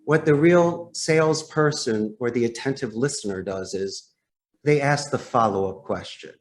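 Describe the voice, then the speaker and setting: A man with a medium-pitched voice, speaking at a moderate pace, appears as a podcast guest and sales trainer. He explains phone technique emphatically, firing rhetorical questions straight at the listener. Demonstrative in manner, he acts out example phone lines.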